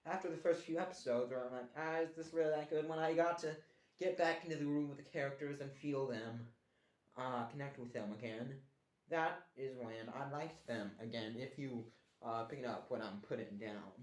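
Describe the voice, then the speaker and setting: This mid-range male voice moves at a normal pace as he reviews a cartoon show casually, using a put-on Australian accent. He keeps restarting and rambling, mock-complaining throughout, and the room sounds echoey.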